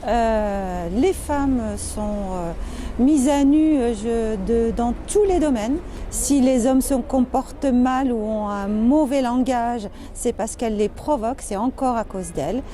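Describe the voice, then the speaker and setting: A woman's voice: fairly high pitch, slow, mellow, slight background noise. Hesitant woman in a street interview. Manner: hesitant, many fillers.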